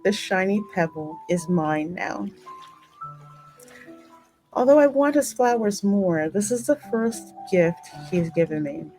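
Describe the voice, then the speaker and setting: Over background game music, a gaming channel host reads the story aloud in a dramatic, expressive way and reacts with casual exclamations. She speaks slowly in a medium-pitched voice, and the recording quality is low.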